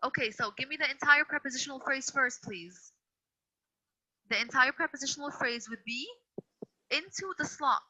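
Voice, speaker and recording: Over a video call with dull, lo-fi sound, a woman teaches grammar online in a high, sharp voice at normal speed with long pauses. She stays patient yet firm while repeating and correcting students.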